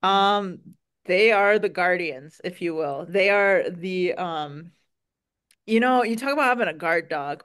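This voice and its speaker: A woman's voice: fairly low pitch, fairly bright tone, smooth. A woman with a Wisconsin accent, a dairy farmer answering interview questions in an earnest, folksy way with frequent "um"s.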